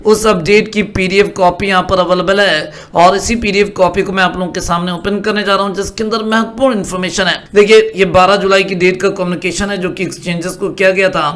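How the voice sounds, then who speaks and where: High-pitched male market commentator, patient explainer tone. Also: fairly even intonation, quick pace, few pauses, fairly bright tone. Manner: explanatory, asks "are you following me" often. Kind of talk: screen-share market commentary.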